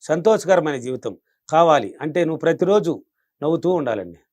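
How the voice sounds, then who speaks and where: A man teaching as a spiritual guide, emphatic and animated, who repeats his lines and laughs often. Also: fairly high pitch, fairly quick, no echo. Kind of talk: animated explanation.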